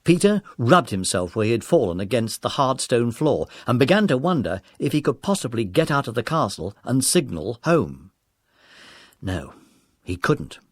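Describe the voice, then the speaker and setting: A man narrates a scripted children's adventure story, dramatic and friendly toward his young listeners, whom he addresses directly. His medium-pitched voice is sing-song at a normal speed, with no echo.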